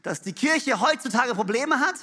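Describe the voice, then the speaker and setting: A male pastor delivering a sermon in a very high, bright, forceful voice. He preaches with emphasis and piles up repeated refrains that swell in volume. He drops in playful asides and laughter between points. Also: animated, moderate pace.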